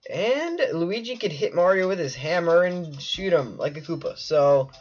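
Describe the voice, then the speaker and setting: Over a muffled lo-fi mic with faint game music behind him, a let's play host chats casually and playfully with viewers during gameplay. His mid-range voice is animated and a little mellow, at a normal speed.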